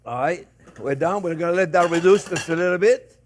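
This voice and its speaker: A man's voice: sits high, brisk, slight background noise. An older man hosting a cooking show, chatting casually and animatedly to viewers as friends and often repeating short phrases as he demonstrates. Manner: addresses viewers warmly as friends.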